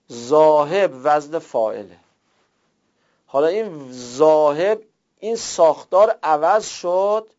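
A man's voice: on the high side, a little mellow. A man teaching a class, explaining step by step with worked examples and rhetorical questions. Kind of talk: classroom lecture. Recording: dull lo-fi recording.

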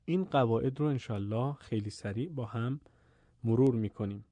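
A man teaching the rules of pausing in Quran recitation, explaining calmly and stopping to chant short verses slowly. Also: mid-range voice, dry recording. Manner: asks the listener questions and answers them. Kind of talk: tajweed lesson with recited examples.

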